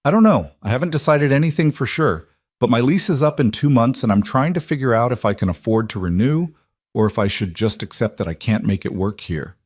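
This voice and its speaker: A man's voice: mid-range voice, animated, fairly quick, a little mellow, no room sound, clean studio sound, lightly acted. A man voicing an exhausted, struggling young woman of twenty-nine, weary and strained. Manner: weary, strained, pleading for realism.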